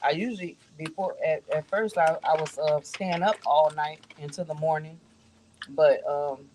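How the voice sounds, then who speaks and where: A woman's voice: deep voice, fairly even intonation, normal speed, darkish tone, slight background noise, low-quality recording. A woman vlogging outdoors, chatting casually to her viewers with lots of fillers and easy laughs. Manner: rambling, laughs often, many fillers. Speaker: vlogger host.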